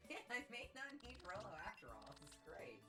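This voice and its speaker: A woman's voice: medium pitch, big pitch swings, quick pace. A woman co-hosting a gaming stream with casual, irreverent, joking banter. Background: music.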